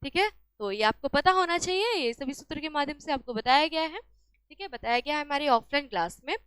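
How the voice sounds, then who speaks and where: Female teacher, high voice, dry close sound, walks students through exam answers with question-and-answer drilling. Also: expressive, brisk, fairly bright tone, dry recording. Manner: asks a question then answers it herself. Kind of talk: exam-solution lesson.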